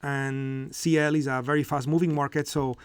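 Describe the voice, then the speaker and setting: A man's voice: medium pitch, little pitch movement, moderate pace, smooth, dry recording. A middle-aged man hosting a live trading lesson, explaining step by step with frequent fillers and "okay?" check-ins. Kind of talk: live market commentary and teaching.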